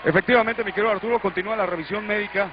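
A man's voice: high voice, very fast, music in the background. A man with a Mexican accent giving an urgent live backstage wrestling report with formal turns of address. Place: concrete backstage area of arena. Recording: lo-fi TV audio, loud crowd and noise. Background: loud crowd and noise.

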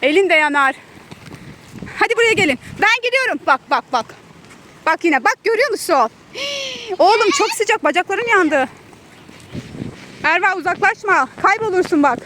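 A woman's voice: extremely high pitch, animated, normal speed, pauses often, sharp tone. A mother filming her children outdoors, calling after them, scolding and laughing in a casual family vlog. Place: outdoors in a park or picnic area. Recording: noisy outdoor phone recording.

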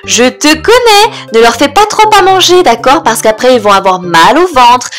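A woman's voice: high-pitched, animated, moderate pace, fairly bright tone, soft background music. A woman voicing a concerned, nagging cartoon mother pig in an admonishing manner. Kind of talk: cartoon toy-play story.

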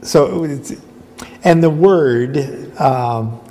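A man giving a rambling spoken lecture, halting and repetitive, restarting often. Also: a little high, dark tone, in a large hall. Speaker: esoteric lecturer.

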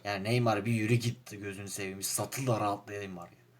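A young man with a Turkish accent giving casual commentary over a football manager game, frustrated and grumbling, jumping from loud outbursts to low muttering. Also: steady tone, brisk. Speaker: gaming YouTuber playing a football manager game.

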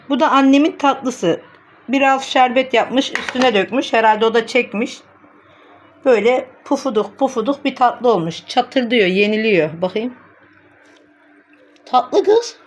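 A woman's voice: fairly high pitch, moderate pace. A woman vlogging casually to her phone camera, chatty, blunt and teasing, with a way of talking.

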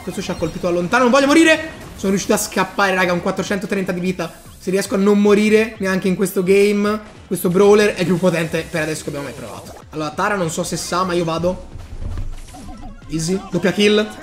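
A man giving excitable live commentary over his own gameplay, breaking into bursts of hype and talking straight to his viewers. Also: sits high, a little fast, faint music behind. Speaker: gaming YouTuber.

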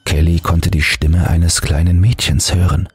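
Very deep-voiced man narrating horror. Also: flat delivery, a little slow, breathy edge, dry recording, soft background music. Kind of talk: scripted horror audiobook narration.

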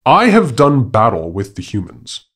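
A man voicing a proud, scarred male tiger who speaks in a stern, measured way. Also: mid-range voice, huge pitch swings, slightly rough, exaggerated voice.

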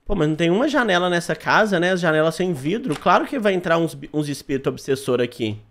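Young Brazilian male let's-play host; jumpy, exclaiming, high and animated. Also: fast talker. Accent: Brazilian Portuguese. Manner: jumpy, exclaiming, talks to chat. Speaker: gaming channel host. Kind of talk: horror game let's play commentary.

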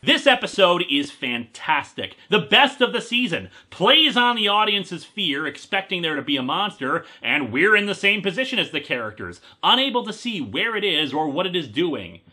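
Eager guy defending the show, super bright voice, bit high, jumps around a lot. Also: very animated, moderate pace, hardly any pauses. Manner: enthusiastic, defensive. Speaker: co-reviewer. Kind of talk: comedic review.

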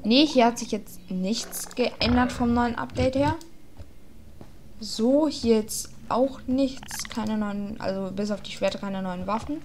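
A fairly high-pitched woman commentates her gameplay in a casual, slangy way. She is excitable and quick to exclaim, and she chats with her viewers and with the creatures in the game. A faint noise sits under her voice. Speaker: gaming YouTuber.

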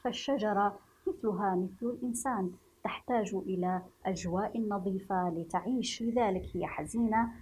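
A woman from Yemen teaching a reading lesson to young children, speaking slowly and spelling sounds out clearly while asking the class questions. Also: medium pitch, a little mellow, rough recording. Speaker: primary school teacher.

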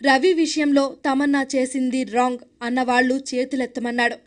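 High-voiced woman reading a news recap. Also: a little fast. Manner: steady recap reading with reported speech. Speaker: news narrator. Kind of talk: scripted news voice-over.

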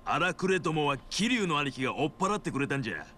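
An actor voicing a brash middle-aged yakuza boss in a video game, with gruff, bossy yakuza speech in a Hiroshima accent. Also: male voice, fairly high pitch, big pitch swings, quick pace, sharp tone, a little hiss or hum. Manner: gruff bossy dialect, fawning toward his sworn brother.

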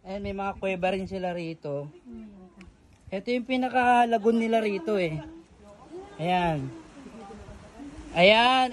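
High-voiced Filipino vlogger shouting over wind. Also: male voice. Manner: exclaiming, calls out to friends and viewers. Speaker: travel vlogger. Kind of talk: excited vlog narration. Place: outdoors at a beach island by the sea. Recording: wind and surf noise outdoors.

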